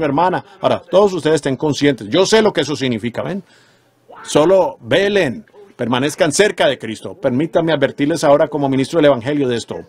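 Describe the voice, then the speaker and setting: A man's voice: fairly high pitch, husky. A man preaching a sermon, retelling dreams earnestly and rising into emphatic exhortations.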